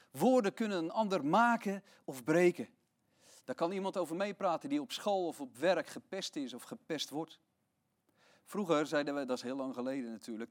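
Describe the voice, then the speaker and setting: A man preaching a sermon in a fairly high voice. He retells a Bible story with expressive, emphatic storytelling and leans hard on his key words.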